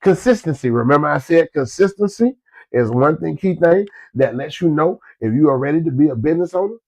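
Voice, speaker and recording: Speaking a little quickly, this stuffed-up Floridian gives listeners homespun business tips, circling back over the same points in an easygoing motivational chat. He has a fairly high, expressive voice with a darkish tone.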